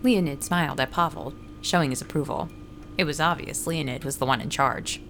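Low-pitched yet a bit bright, this woman talks briskly against a slight hiss or hum. Her role is a friendly, ordinary runner and ad writer, and she narrates her tale calmly in the first person, dialogue included, as part of a scripted audio drama podcast.

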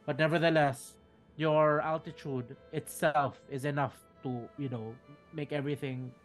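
A man narrating a tabletop game as dungeon master, halting and restarting mid-sentence. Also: fairly high pitch, steady tone, soft background music. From Philippines.

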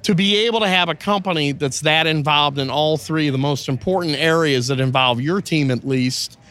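A male motorsport show host with a slightly raised pitch. He builds long, detailed questions, piling up facts before he asks. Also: moderate pace, a bit bright, smooth. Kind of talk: interview questions.

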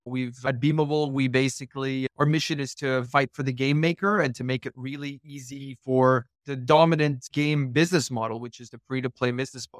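A man from Morocco, a tech executive, talks about his company as a podcast guest. He sounds articulate and keen, at an ordinary pitch, recorded dry. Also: steady tone, a little fast, hardly any pauses, no room sound. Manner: articulate, enthusiastic explainer. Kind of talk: podcast interview.

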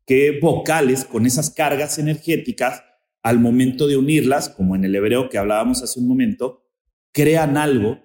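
A man talking as a podcast guest in a casual, rambling way, pausing and restarting as he reaches for words. His voice sits at an ordinary middle pitch and rings around an echoey room. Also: darkish tone. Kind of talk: casual spiritual conversation.

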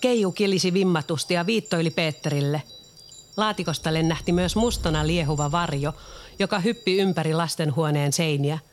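Children's story narrator, clear, steady delivery. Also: medium pitch, slight background noise.

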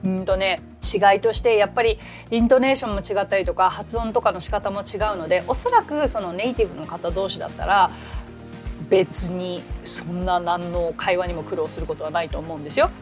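An English teacher hosts a relaxed podcast lesson, chatting animatedly and tossing in quick asides. Her voice sits on the low side, with soft music playing in the background.

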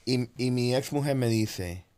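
A man in a casual sports chat, telling a lively anecdote in a laughing manner. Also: mid-range voice, unhurried, clear, resonant tone.

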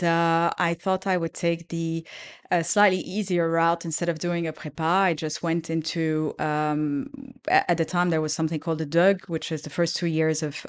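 A woman's voice: sits low, clean tone. A middle-aged woman from Egypt, a guest talking casually in an interview, thoughtful and hesitant with many fillers.

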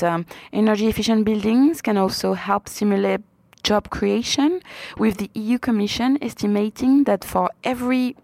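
A woman's voice: mid-range voice, gravelly, darkish tone, no echo. A woman financial analyst giving interview answers, explaining research carefully with figures.

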